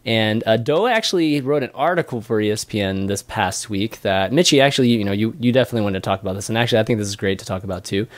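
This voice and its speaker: A man's voice: lowish voice, fast talker, few pauses, no room sound. A man hosting a casual panel podcast, leading the talk with a rambling delivery full of fillers and restarts. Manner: rambling, many "uh" and "you know" fillers. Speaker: podcast host.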